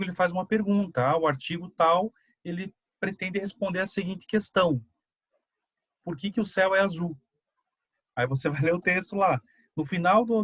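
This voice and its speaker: A man's voice: a little high, no room sound. A Brazilian Portuguese-speaking man giving a student seminar presentation, explaining with everyday examples and frequent tag questions. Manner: conversational, explaining with examples and filler "né".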